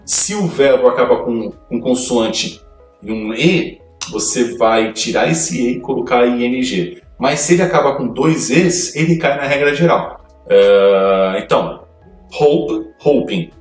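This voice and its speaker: A man's voice: medium pitch, lively intonation, a little slow, recorded from a distance. A man teaching an English grammar lesson, reading rules aloud and explaining them step by step. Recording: echoey room, voice off-mic, faint music.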